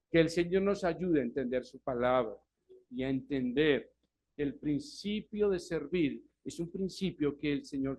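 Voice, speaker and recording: Preaching pastor, higher-pitched man. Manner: preaching with call-and-response questions to the congregation; lively swings between loud emphasis and soft asides. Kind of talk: sermon. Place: church service.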